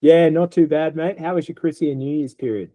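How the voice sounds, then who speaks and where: A man's voice: a little high, fairly even intonation, brisk, dark tone, dry recording. A man with an Australian accent co-hosting a vet podcast, talking in a laid-back, rambling way with many fillers. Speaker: veterinary podcast co-host. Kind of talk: casual podcast chat.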